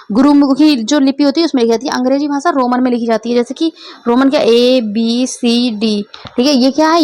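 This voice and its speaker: A woman's voice: sits high, darkish tone, dry recording. A woman teacher giving a step-by-step exam-prep lecture and often checking whether her students follow.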